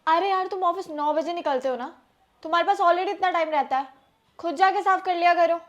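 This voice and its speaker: A woman plays a firm, persuasive young wife lecturing her husband about saving money, in a scripted family skit. Her high voice stays steady and fairly quick, like a sensible homemaker laying down the law. The audio is dull, with a little hiss or hum.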